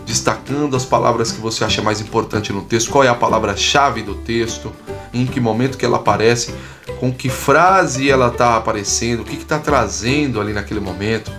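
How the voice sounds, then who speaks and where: A man's voice: medium pitch, brisk, music in the background. A man, hosting a teaching podcast on public speaking, coaxing the listener with repeated phrases and questions and reciting rhymed verse in a sing-song way.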